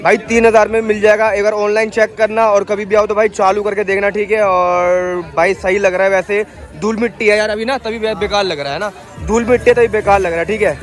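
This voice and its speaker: An excited, chatty young adult man with a high voice films a casual vlog on his phone, held at arm's length, while wandering a crowded outdoor street market. He keeps dropping "bhai" into his talk and later continues speaking from his bedroom.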